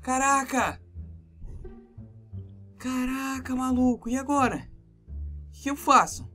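A man with a Brazilian Portuguese accent narrating a Minecraft role-play in an excitable, exclamatory way. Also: very high voice, slow, faint music behind. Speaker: gamer YouTuber.

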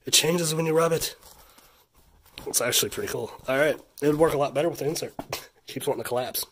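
Fast and on the high side, his voice sounds a bit bright, with a slight hiss or hum in the background. He's in his thirties, blocked up from a sinus infection, casually showing off a haul indoors for a vlog. Easily impressed and chatty, he sometimes wanders off into a rant.

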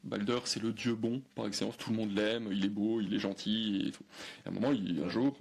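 A man speaking in a low, gravelly voice with a husky edge. He explains things conversationally as a podcast guest, often pausing on fillers and restarting his sentences. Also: fairly even intonation. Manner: hesitant, many fillers and restarts. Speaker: guest historian.

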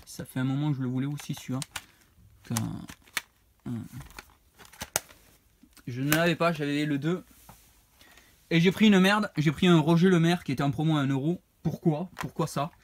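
A man's voice: a little high, moderate pace, long pauses, background noise. A man, casually showing off his retro game purchases, rambling and hesitant as he reads out prices. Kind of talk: casual unboxing vlog.

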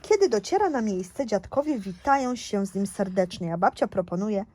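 Female reader for a children's picture book, patient and clear, quizzing a young listener. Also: medium pitch, lively intonation, dark tone. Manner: slow, careful, asks the child questions.

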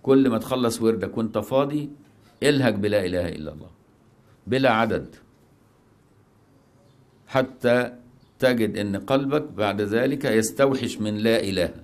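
A middle-aged man with an Egyptian accent, a religious scholar who chants prayers slowly and then explains them in conversational lesson style. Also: on the low side. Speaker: Islamic scholar teaching.

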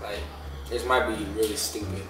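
A man in his twenties chatting casually in street slang to camera, hosting a food challenge vlog in an animated, exclaiming way. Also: lowish voice, moderate pace, distant mic, noisy background. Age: 20s. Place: home kitchen, indoors. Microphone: camera a few feet away. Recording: very echoey room, off mic, music behind. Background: music.

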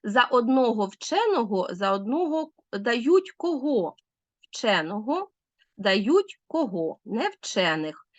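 A woman's voice: fairly high pitch, very animated, slow pace, no room sound. A woman teacher giving a recorded grammar lesson, asking leading questions and answering them herself.

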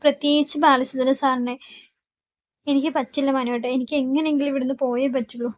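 A woman's voice: high-pitched, little pitch movement, fairly quick, no echo, clean studio sound, lightly acted. A woman doing a guilt-ridden young woman. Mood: pleading.

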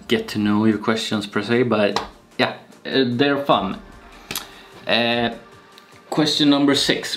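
A young man with a Swedish accent, talking slowly and casually to camera in a home vlog, with many pauses and fillers. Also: fairly low pitch. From Sweden. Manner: slow and relaxed, with frequent pauses and fillers. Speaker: YouTuber. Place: small home room with shelves, indoors. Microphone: camera-mounted shotgun mic.

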